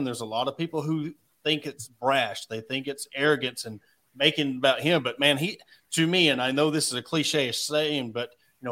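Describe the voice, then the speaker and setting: A man's voice: a little high, fairly bright tone. A man hosting casual sports talk in a folksy, conversational way.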